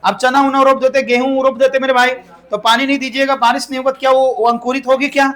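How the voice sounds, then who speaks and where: A man's voice: very high voice, flat delivery, fast, a bit bright. A middle-aged man giving a classroom lecture, repeatedly asking his students questions and drawing out words. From India. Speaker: English teacher.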